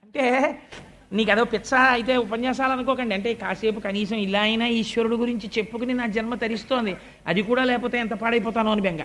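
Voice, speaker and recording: A man's voice: extremely high pitch, steady tone, a little fast, a bit bright, a little hiss or hum. A man giving a devotional sermon on scripture. He tells stories in a conversational way, adds polite asides to his listeners, and acts out the quoted words of family members and sages. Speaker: spiritual discourse speaker.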